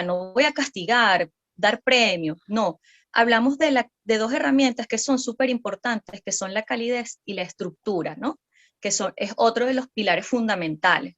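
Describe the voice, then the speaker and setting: A woman, a psychopedagogue guest on a podcast, explaining parenting patiently with many fillers and tag questions. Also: on the high side.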